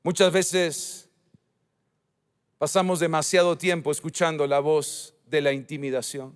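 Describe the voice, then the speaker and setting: Male pastor, sermon delivery, slow and emphatic with big rises and drops, long hall reverb. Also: flat delivery, clean tone. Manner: preaching with emphatic swings in pitch and volume.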